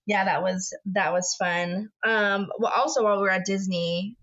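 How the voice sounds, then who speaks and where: A woman's voice: medium pitch, steady tone, moderate pace, a bit bright, dull audio. A young woman co-hosting a podcast, telling a story animatedly with lots of swearing. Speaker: podcast co-host. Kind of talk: casual chat.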